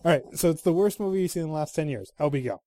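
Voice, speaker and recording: A man's voice: a little high, expressive, racing, dark tone, dry recording. A man hosting a casual online movie quiz, playful and laughing often. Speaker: quiz host. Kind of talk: casual podcast game chat. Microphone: online call mic.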